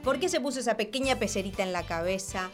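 A woman's voice: medium pitch, lively intonation, fast, faint music behind. A woman with an Argentine accent co-hosting children's radio, chatting playfully and expressively with mock amazement.

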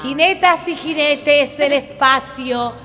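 An Argentine woman with a fairly high voice co-hosts a children's radio show. She is playful and theatrical, slowly stretching out words, with faint music behind her. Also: sharp tone, in a large hall.

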